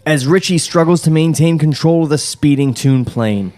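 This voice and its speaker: A podcast host reads a screenplay's stage directions aloud during a comedic table read, steadily working through them but breaking off for jokes and laughter. His voice is fairly high and warm, at a moderate pace.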